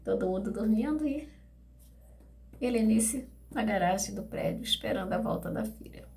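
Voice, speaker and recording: A woman's voice: mid-range voice, expressive, normal speed, creaky, darkish tone. Emotional middle-aged woman telling her story. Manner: emotional, addresses listeners directly. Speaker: bereaved mother. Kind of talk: personal testimony storytelling.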